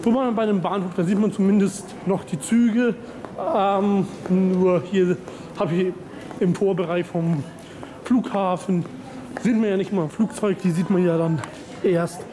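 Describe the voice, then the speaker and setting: Young man, higher-pitched voice, rambling travel-vlog chat, handheld camera, loud terminal noise behind. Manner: chatty, rambling with fillers and pauses. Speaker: vlogger. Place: large indoor airport terminal. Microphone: handheld camera at arm's length. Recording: noisy terminal background.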